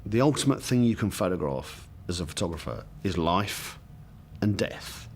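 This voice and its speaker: A man's voice: low voice, lively intonation, normal speed, slight background noise. A man who is a photographer, speaking candidly in an interview. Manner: candid, frank. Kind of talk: interview recollection.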